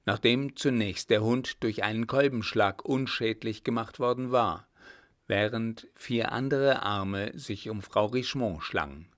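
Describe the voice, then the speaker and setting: A man narrating a story in an even, measured storytelling manner. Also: medium pitch. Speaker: audiobook narrator. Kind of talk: scripted narration.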